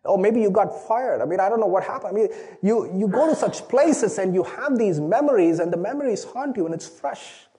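With a high-pitched, animated, mellow voice moving fairly quickly, this Chennai pastor tells a personal story in his sermon. He's earnest, speaks with an Indian accent as a native Tamil speaker, and keeps restarting phrases by repeating their first words.

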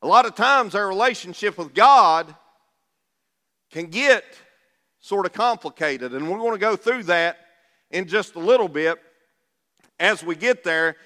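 A man's voice: high-pitched, expressive, measured pace, pauses often, sharp tone. A man with an Appalachian accent preaching a sermon in a folksy, conversational way, putting rhetorical questions to his listeners. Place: large reverberant room, preaching to a congregation. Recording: reverberant hall sound.

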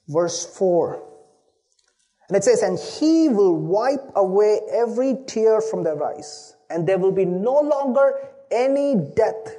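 A pastor from Chennai, a native Tamil speaker with an Indian accent, preaches a sermon built around a personal story. His voice is high and warm, and he speaks earnestly, often restarting phrases and repeating words at their start.

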